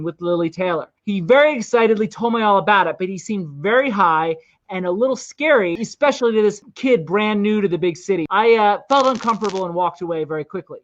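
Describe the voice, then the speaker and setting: A podcast host in their forties, telling film anecdotes in casual chat and chuckling often. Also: mid-range voice. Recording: dull lo-fi sound.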